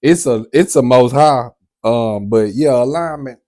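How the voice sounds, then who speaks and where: A man's voice: mid-range voice, measured pace, a little mellow. A man co-hosting a casual chat, speaking in short, encouraging remarks. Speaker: podcast co-host.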